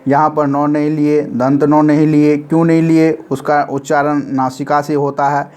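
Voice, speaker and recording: A man gives a recorded grammar lesson in a voice a little higher than most men's. He drills short memory formulas by chanting them slowly, over and over, and asks listeners to say them along with him. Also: little pitch movement, darkish tone, smooth. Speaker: grammar teacher. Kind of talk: classroom-style recorded lesson.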